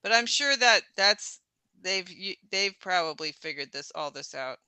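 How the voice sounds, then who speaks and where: A speaker chats casually in a very bright, tense voice that comes through smooth and crisp. They react with emphatic disbelief, and the recording is dry and close. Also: mid-range voice, animated, measured pace, no echo. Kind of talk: casual chat.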